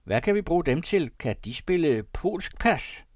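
A hearty old country pastor, voiced by a man, loud and raised in pitch, booming out teasing questions in a classic storybook reading. The sound is dry and close, with no room around it. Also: very animated, no echo.

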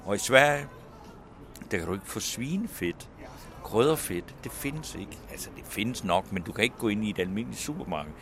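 A man's voice: fairly low pitch, expressive, music in the background. A man chatting as an interview guest at an outdoor restaurant, opinionated and casual. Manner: chatty, opinionated, uses fillers. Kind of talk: casual chat.

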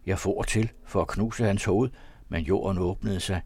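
A man narrating a classic novella as an audiobook, with a measured, expressive reading on a close studio mic. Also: low-pitched, husky, no room sound. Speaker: audiobook reader.

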